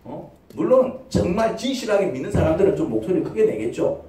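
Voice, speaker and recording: A man's voice: high-pitched, sing-song, quick pace, crowd noise. A man preaching a sermon as pastor, firing off rhetorical questions and acting out short quoted voices. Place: church sanctuary. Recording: echoey church hall, voice from far off the mic.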